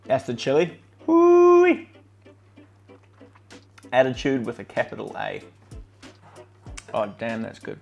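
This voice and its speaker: Gravelly man hosting a cooking vlog. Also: mid-range voice, normal speed, long pauses, lo-fi sound, soft background music. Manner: relaxed, enthusiastic, with frequent fillers. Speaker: cooking channel host. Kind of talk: casual cooking vlog, tasting and commentary.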